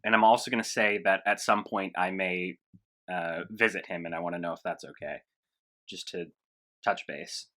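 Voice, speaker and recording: A man speaking as a player in a tabletop game, earnest and thinking out loud. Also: deep voice, fairly even intonation, normal speed. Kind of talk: casual tabletop play.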